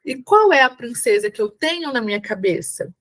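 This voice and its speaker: A São Paulo-accented Brazilian woman, her pitch a touch high, gives an expressive online exam-prep lecture at normal speed. She is patient, keeps confirming her students understand, and every so often acts out tender, coaxing phrases like someone talking to a small child at the table.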